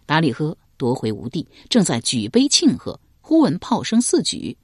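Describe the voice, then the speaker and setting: A man's voice: on the high side, huge pitch swings, moderate pace, breathy edge, no echo, studio quality. A man narrating a historical novel, telling it dramatically and voicing many characters. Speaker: storyteller.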